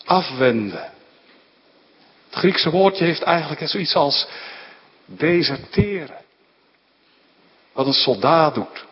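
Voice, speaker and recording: A man preaching a sermon with fervor, his voice swelling louder on key phrases. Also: on the high side, expressive, slow, pauses often. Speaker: pastor. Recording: dull lo-fi church recording with long reverb.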